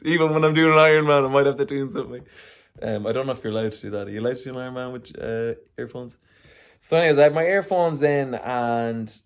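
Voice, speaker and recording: A young man hosting his own podcast, chatting casually in a rambling, slangy way with some swearing. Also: mid-range voice. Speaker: podcast host. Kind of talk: casual solo podcast chat.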